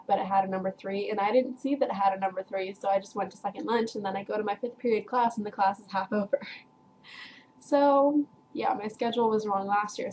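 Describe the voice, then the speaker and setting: Telling her viewers a long, meandering story, this teen vlogger speaks in a mid-range, darkish voice packed with "like" and "um," breaking into frequent laughs. The audio is poor, with a bit of hiss or hum underneath.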